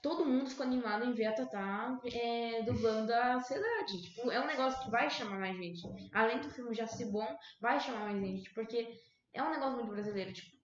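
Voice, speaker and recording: A woman with a Brazilian accent giving her view in a casual debate, talking quickly and filling with "tipo". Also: on the high side. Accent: Brazilian Portuguese. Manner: quick, with many "tipo" fillers. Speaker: debate panelist. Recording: echoey room, dull lo-fi sound.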